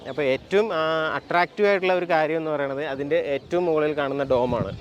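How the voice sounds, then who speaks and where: A man's voice: fairly high pitch, quick pace, a little hiss or hum. A man with a Malayali accent, a travel vlogger explaining history as he walks outdoors around a temple. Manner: explanatory, conversational with restarts. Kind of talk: walking tour commentary.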